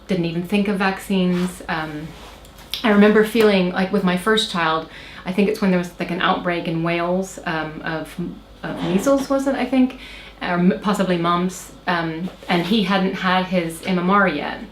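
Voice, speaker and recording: Sharing a casual personal story in an interview, an Oklahoma-born American woman in her thirties speaks in a lowish voice touched by a faint Irish lilt. She halts frequently, filling gaps and restarting sentences. The room sounds echoey, with a faint hiss in the background.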